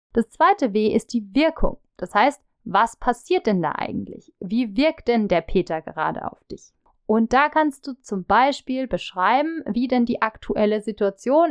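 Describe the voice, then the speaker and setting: A woman's voice: medium pitch, smooth, no echo, studio quality. A woman explaining a feedback method in a friendly teaching tone, speaking straight to the listener and acting out sample phrases. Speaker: leadership coach.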